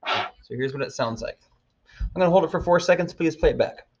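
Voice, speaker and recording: A man's voice: on the high side, a little fast, husky, highs cut off. Patient man teaching beginner trombone. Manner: patient, encouraging, counts aloud with students. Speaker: music teacher.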